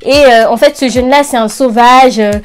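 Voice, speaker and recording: A woman's voice: fairly high pitch, normal speed, clean tone. A young woman talking casually and slangily as an enthusiastic anime fan, recommending things to her video audience. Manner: informal youth slang. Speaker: anime review channel host.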